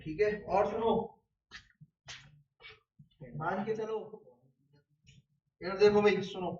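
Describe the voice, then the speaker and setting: A man gives a casual biology lecture, firing questions at his class and answering them himself with everyday examples. His voice sits high and carries around a roomy, echoing space. The recording is distant from him and dull in tone. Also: slow, dark tone. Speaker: biology teacher.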